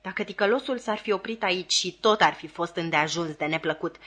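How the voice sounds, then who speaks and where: A woman narrating a classic novel as an audiobook reader, measured and expressive. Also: on the high side.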